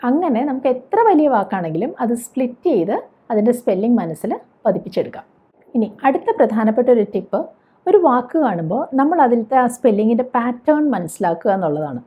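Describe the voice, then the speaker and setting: Husky-voiced woman teaching spelling patiently. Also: fairly high pitch, sing-song, fast. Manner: patient, spells words out letter by letter; asks the viewer questions. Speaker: spoken English teacher. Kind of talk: explanatory teaching. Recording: dull lo-fi recording.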